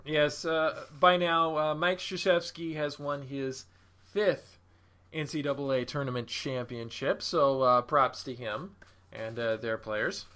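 A male podcast host with a bright, forward voice at a middle pitch. He talks loosely, fishing for puns and padding sentences with fillers as he goes. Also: fairly even intonation, measured pace. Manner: punning, hesitant with many uh fillers. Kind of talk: casual podcast chat.

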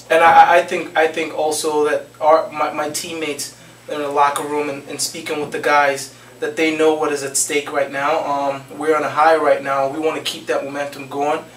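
Young guy soccer forward giving post-game answers, lots of ums and restarts, echoey small office, faint hiss. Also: a little high. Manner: steady, earnest, repeats phrases and restarts with um. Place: small office with trophy shelves, indoors. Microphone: handheld mic held out by interviewer. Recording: echoey room, mic a bit far, faint noise.

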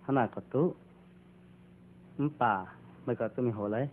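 A man's voice: unhurried, natural voice. A man acting in an amateur drama, talking casually with a bantering manner. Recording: tinny lo-fi with faint guitar.

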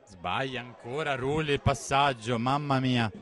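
A man giving breathless, excited football play-by-play commentary, urgently repeating players' names and phrases. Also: mid-range voice, measured pace, some chatter behind.

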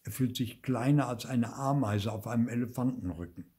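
An older man reading a children's story aloud, expressive and animated, dropping into soft murmured asides. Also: mid-range voice, moderate pace, husky.

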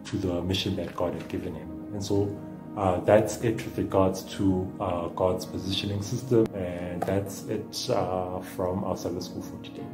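A man with a very deep voice, wrapping up a Bible lesson with hesitant, repeated words. The room echoes, and music plays behind him. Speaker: lesson presenter.

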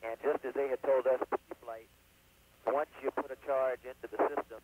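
A male astronaut talking over the mission radio, matter-of-fact and halting with fillers as he explains things. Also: mid-range voice, steady tone, background noise. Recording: tinny radio downlink.

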